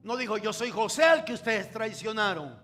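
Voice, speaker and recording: A man preaching a sermon in short phrases, waiting for an interpreter, drawing some words out slowly for emphasis and dropping to a hush at times. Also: sits high, big pitch swings, soft background music. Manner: stretches words slowly for emphasis, swings from loud to hushed. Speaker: pastor.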